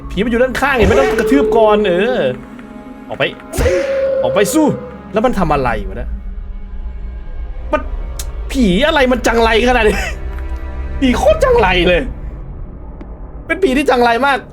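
A man's voice: extremely high pitch, huge pitch swings, moderate pace, pauses often. A man giving casual let's-play commentary, joking, swearing and reading the game text aloud. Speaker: gaming streamer. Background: game music.

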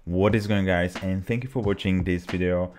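A man's voice: deep voice, normal speed, a little hiss or hum. A young man from the Czech Republic with a Czech accent, casually telling his story to camera at a desk mic in a small home office. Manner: relaxed storytelling, slightly broken English. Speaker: vlogger. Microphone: desk mic on a boom arm.

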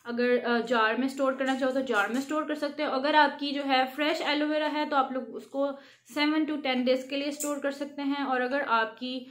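Speaking at a normal speed, a woman with a high-pitched, steady, slightly bright voice presents a home skincare tutorial. The beauty vlogger keeps it casual, chatty and instructive, regularly checking on viewers with "theek hai."

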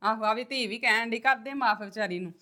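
A woman playing a mother who tries to calm her son-in-law, then scolds her daughter with emotion. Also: on the high side, a little fast. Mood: relenting. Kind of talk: amateur family drama acting.

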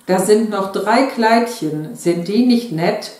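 A woman's voice: medium pitch, slow pace, a little mellow, close to an everyday voice. A woman voicing an eager, chatty middle-aged wife sewing doll dresses, read in a very echoey room.

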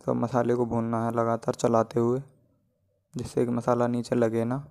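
A home cook walks through a recipe step by step in a plain instructional voice-over. His voice is medium-pitched, monotone and somewhat dark, delivered at a moderate pace.

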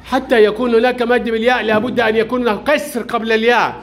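A male primary school teacher running a brisk classroom quiz, calling on pupils by name and praising their answers. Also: very high voice, fairly even intonation, a bit bright, a little hiss or hum.

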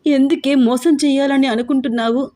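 A woman's voice: high voice, steady tone, a little fast, dark tone, voice pushed up, lightly acted. A woman voicing a pregnant older sister in a wheelchair, protective and weeping as she pleads in a storybook reading. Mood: tearful.

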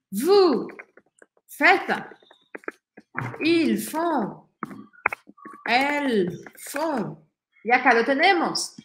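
Woman, French teacher, slow pace, echoey room. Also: fairly high pitch, a bit bright, a little hiss or hum. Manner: drills conjugations slowly, repeating each form. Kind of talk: online language lesson.

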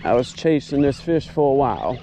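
Man on a kayak, mellow voice. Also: medium pitch, brisk, a little hiss or hum. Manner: excited, talking to himself while fighting a fish. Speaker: kayak angler filming his catch. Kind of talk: casual first-person commentary. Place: outdoors on a kayak on open marsh water. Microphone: head or chest-mounted action camera.

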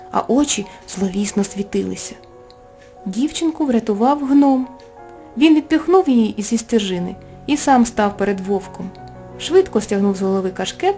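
A woman narrates a bedtime fairy tale with a mellow, warm tone and an expressive, animated delivery. Soft music runs quietly under her voice. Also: mid-range voice. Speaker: author reading her own tale. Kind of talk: storybook narration.

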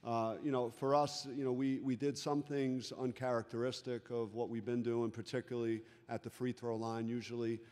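A middle-aged man, a head coach, answering reporters at a postgame press conference into a table microphone, measured and full of restarts and "you know" fillers. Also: mid-range voice, level tone, darkish tone. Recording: long reverb of a large room.

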